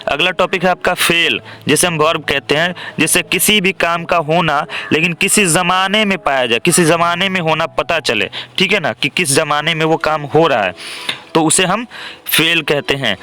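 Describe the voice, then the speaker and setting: A man's voice: on the high side, bright, forceful tone. A young man teaching an exam-prep grammar lesson, explaining step by step and often checking in with "theek hai".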